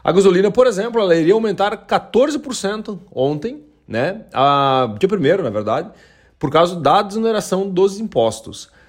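Lively Brazilian market commentator man. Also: high-pitched, moderate pace. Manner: conversational, lively, frequent "né?" tags and colloquial sayings. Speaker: host of a daily market analysis show. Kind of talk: casual market news commentary.

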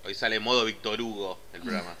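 A man's voice: on the low side, steady tone, fast talker, a crowd in the background. An Argentine man hosting a casual podcast chat. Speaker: podcast host. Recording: faint background noise.

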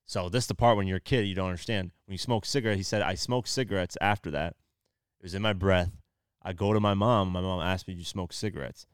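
A man's voice: low voice, fast, clear, resonant tone, no echo, clean studio sound. A man co-hosting a casual podcast, retelling a story in loose, rambling talk. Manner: retells stories loosely, many fillers. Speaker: podcast co-host. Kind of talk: casual chat.

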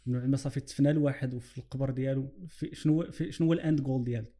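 Moroccan accent guy talking super fast about life, mellow voice, bits of english mixed in. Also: mid-range voice, steady tone. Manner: mixes English phrases into his speech. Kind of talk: conversational religious reflection with examples.

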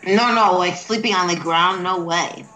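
Lower-voiced woman, casual guest chat. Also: moderate pace, sharp tone, soft background music, rough recording. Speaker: guest on the show.

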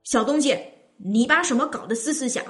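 A woman's voice: sits high, a little fast, fairly bright tone. A woman voicing a proud, boastful male tiger in a children's story, scornful and bossy. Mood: suspicious.

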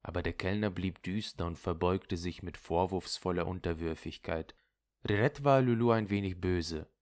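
A man narrating a literary audiobook in a measured, storytelling way. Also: low-pitched, no echo, clean studio sound.

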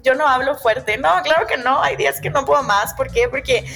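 A woman in her thirties with a Mexican accent, telling her own story in a lively podcast chat and quoting her own thoughts. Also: sits high, moderate pace, gravelly, music in the background. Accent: Mexican Spanish. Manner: animated, quotes her own thoughts, many fillers. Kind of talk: casual chat.

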